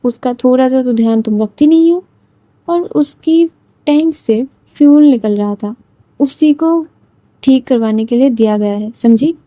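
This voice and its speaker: A woman's voice: high voice, a little slow, warm tone, no room sound. A woman playing a scolding mother. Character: scolding middle-aged mother.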